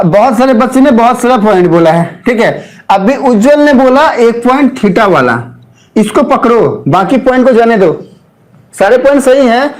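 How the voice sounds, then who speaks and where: A man's voice: high voice, darkish tone. A man teaching a math class, explaining step by step and asking his students questions. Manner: explains step by step, asks students, counts aloud. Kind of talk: live online class.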